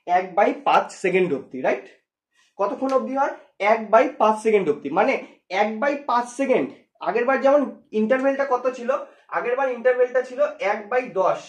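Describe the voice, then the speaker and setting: A physics teacher works through a lesson one step at a time. Points get repeated, and each one ends in a quick rhetorical check. The mid-pitched voice rings in a roomy, echoing space. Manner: explains step by step, repeating and asking rhetorical questions. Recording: echoey room.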